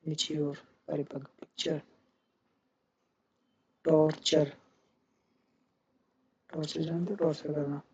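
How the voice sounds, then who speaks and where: A man drills English words one by one, saying the wrong sound and then the right one. His voice is mellow and flat in pitch. The recording is dull, with a faint hiss behind him. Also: vocal fry. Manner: repeats each word, contrasts wrong and right sounds. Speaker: English pronunciation teacher. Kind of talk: explaining word by word.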